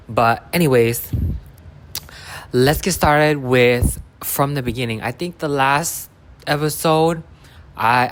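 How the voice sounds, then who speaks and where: A young adult woman hosting a casual, chatty podcast at home, rambling and interrupting herself with lots of slang in an echoey room. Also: rumbling low. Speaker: podcast host. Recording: echoey, sparsely furnished room.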